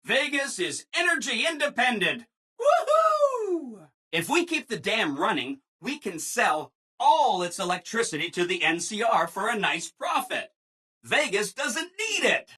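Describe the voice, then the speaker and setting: A man's voice: sits high, sing-song, normal speed, bright, forceful tone, breathy edge, full character voice. A man voicing a relentlessly cheerful, eager-to-please robot assistant in a video game, with chirpy, over-agreeable salesman enthusiasm. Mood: gleeful, excited. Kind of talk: video game character voice lines.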